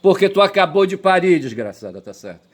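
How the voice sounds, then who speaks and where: A man voicing a stern old king who scolds and gives orders gruffly. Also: sits high, very animated, brisk, voice pushed up. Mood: scolding. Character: stern old male king judging a dispute.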